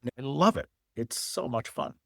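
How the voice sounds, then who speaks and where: His mid-range voice is animated, creaky, and fairly bright with a breathy edge, at a moderate pace. He's a middle-aged former fund manager and author, born in Wales and raised in Canada, speaking plainly and step by step as a podcast guest in a studio-quality recording with no room sound.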